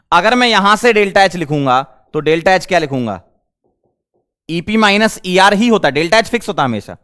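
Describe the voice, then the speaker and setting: A male chemistry teacher lecturing a class, firing quick questions at the students. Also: high voice, fairly bright tone, smooth.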